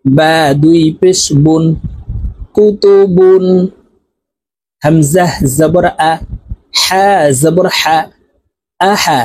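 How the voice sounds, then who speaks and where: A man teaching Quran reading, spelling out each syllable and repeating every word slowly so learners can follow. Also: a little high, fairly even intonation, dry recording, low-quality recording. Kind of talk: spelled-out recitation lesson.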